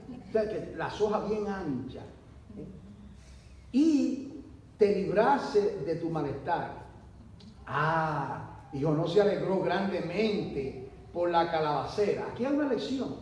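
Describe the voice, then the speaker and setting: A man, a pastor, preaching a sermon in a church, asking his listeners questions and swinging sharply between soft and loud delivery. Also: lively intonation, a little slow. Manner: preaching with rhetorical questions and dramatic swings in pitch and volume. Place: church hall. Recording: echoey church hall, voice from far off, faint hum.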